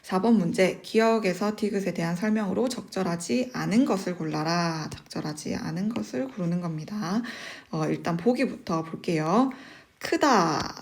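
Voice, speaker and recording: In an online lesson, a woman teacher with a low-ish, creaky voice works through exam questions patiently and methodically. She explains step by step, frequently pausing on the filler "eo" and posing rhetorical questions to the class.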